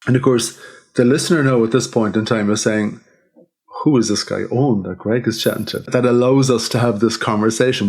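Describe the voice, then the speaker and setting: Chatty male podcast host. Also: fairly low pitch. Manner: relaxed, chatty, leading the conversation. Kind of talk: conversational podcast introduction.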